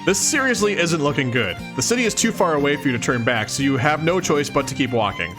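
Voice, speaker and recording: Lively guy reading game text on stream, playful, voice bounces a lot, faint game music under it. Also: fairly high pitch, fast talker. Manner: playful, reads narration then jokes to chat and cat. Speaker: let's play streamer. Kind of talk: reading a visual novel aloud with chat asides.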